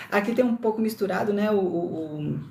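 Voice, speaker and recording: A woman's voice: mid-range voice, measured pace, creaky, dark tone, slight background noise. A woman from Brasília with a lightly mixed Brazilian accent, hosting a casual livestream talk with many tag questions and self-corrections. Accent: Brasília Brazilian Portuguese, slightly mixed. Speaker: livestream host. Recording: roomy echo.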